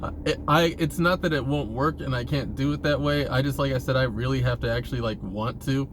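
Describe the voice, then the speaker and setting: There's clear vehicle-like noise in the background as a man speaks fairly quickly in a mid-range voice. He's a vlogger giving a rambling, profane, casual account of himself, chuckling here and there.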